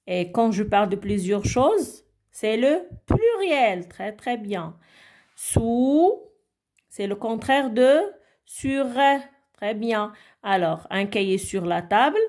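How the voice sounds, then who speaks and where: A woman's voice: medium pitch, darkish tone. A woman teaching a grammar lesson to young children, patient and repetitive, often checking whether they follow. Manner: patient, repeats words and asks "d'accord?". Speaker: primary school teacher.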